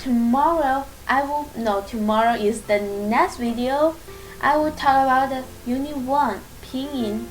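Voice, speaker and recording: Her voice sits high as this channel host, a native Chinese speaker with a Chinese accent in English, teaches a casual spoken lesson, pausing to search for words and leaning on fillers while encouraging and reassuring her audience. Soft music plays behind her in a low-quality recording.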